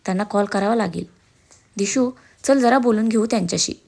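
A woman's voice: medium pitch, fairly quick, gravelly, a little mellow, natural voice. A woman voicing a sarcastic, hyper young groom who teases and complains.

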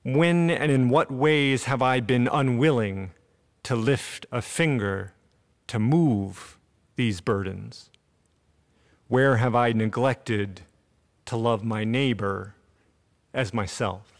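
Earnest man preaching from a pulpit. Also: medium pitch. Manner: earnest, measured preaching with deliberate pauses. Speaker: pastor. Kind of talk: sermon. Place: empty church sanctuary with pipe organ. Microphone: podium gooseneck mic.

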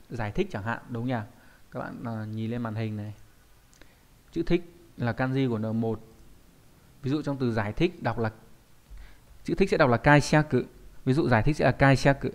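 Male kanji teacher, explanatory online-lesson delivery with frequent check-in questions. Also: mid-range voice.

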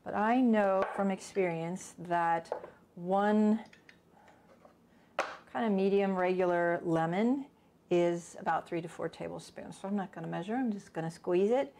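A middle-aged cooking instructor leads a casual class in her home kitchen, chatting and thinking out loud as she works. Her voice is lowish, mellow and a little slow, picked up by a camera a few steps away along with slight background noise.

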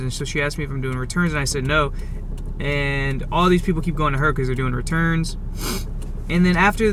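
A young man in his twenties, a vlogger, telling a rambling story about his day from a car seat to a dash camera. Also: mid-range voice. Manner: rambling, excitable storytelling with many restarts. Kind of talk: casual storytelling. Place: parked car, passenger seat. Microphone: camera on the dashboard. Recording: noisy car interior. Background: car and street noise.

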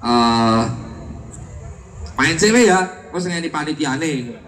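A man's voice: fairly high pitch, expressive, slow, a bit bright. A man, a guitarist doing rambling, self-mocking stage banter between songs while he has a cold. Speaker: guitarist performing live. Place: live concert venue. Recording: roomy, distant live recording.

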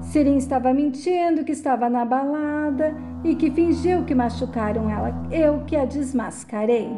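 A woman voicing a jealous, threatening man, read in a quick, plain way. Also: high-pitched, music in the background, natural voice. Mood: blustering.

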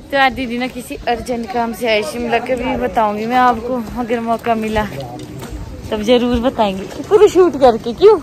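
A young woman talks loudly and chattily to the camera while walking outdoors, vlogging casually. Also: on the high side, normal speed. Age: young adult. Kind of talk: casual vlog chat. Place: outdoors in a busy town street. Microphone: handheld phone camera, no mic. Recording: outdoor phone recording with crowd noise. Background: crowd chatter.

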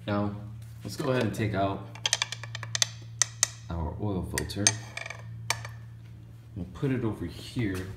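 Working on a car in a repair shop garage, a mechanic gives an easygoing, step-by-step how-to. He talks slowly in a fairly low voice and leaves long pauses. The recording picks up the garage's echo and faint noise.

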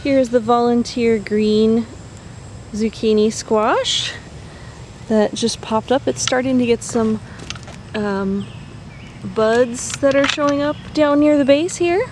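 In a casual vlog, a woman walks through her backyard vegetable garden holding a phone camera, chatting as she points out plants one by one. She speaks slowly with long pauses in a steady, slightly high, darkish voice, and a little hiss or hum is audible.

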